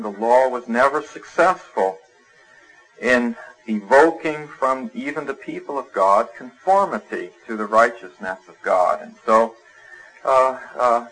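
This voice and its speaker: A man's voice: mid-range voice, a bit bright, breathy edge, poor audio. Male preacher, conversational sermon. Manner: conversational preaching with fillers and homely examples.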